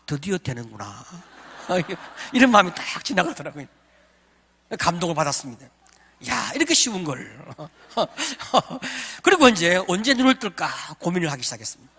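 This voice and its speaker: Animated middle-aged man lecturing in a hall. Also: extremely high pitch. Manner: animated storyteller, acts out inner thoughts. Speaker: professor lecturing on marriage. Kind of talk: lecture with personal anecdote.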